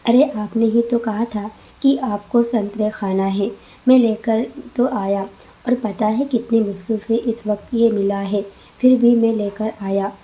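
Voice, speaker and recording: A woman's voice: a little high, fairly even intonation, a little slow, mellow, lightly acted. A woman voicing a flustered young husband in a read-aloud story, pleading and exasperated.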